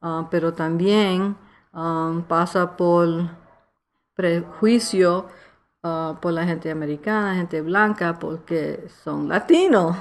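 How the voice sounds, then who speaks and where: A slow, halting woman from New York with a New York Puerto Rican accent is interviewed about her life as an author. Her voice is lowish; she searches for Spanish words and slides into English, the talk casual Spanglish and reflective.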